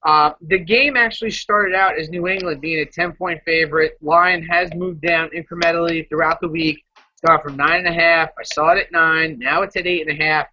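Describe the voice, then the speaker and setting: A man's voice: fairly high pitch, fairly even intonation, moderate pace. A man co-hosting a fantasy football podcast in casual chat, opinionated and jokey, running the segments. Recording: dull lo-fi audio.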